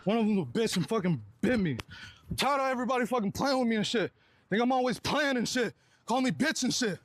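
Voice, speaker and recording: A man's voice: extremely high pitch, expressive, fast talker, no echo. Defiant man through garbled worn-tape audio. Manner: agitated, defiant ranting. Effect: garbled broken-mic audio, like a worn tape copy. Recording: distant, distorted clip played on a stream.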